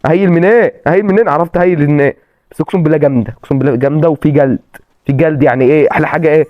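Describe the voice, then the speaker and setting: A man with an Egyptian accent commentating his own gameplay and repeating excited exclamations. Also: on the high side, rapid-fire, dry recording, narrow, tinny audio. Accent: Egyptian Arabic. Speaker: gaming channel host.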